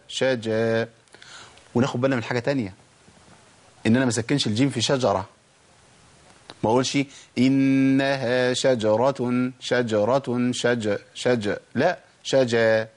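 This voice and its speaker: Egyptian man teaching Quran recitation. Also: medium pitch. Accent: Egyptian Arabic. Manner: brisk, demonstrative, drawn-out example sounds. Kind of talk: tajweed lesson.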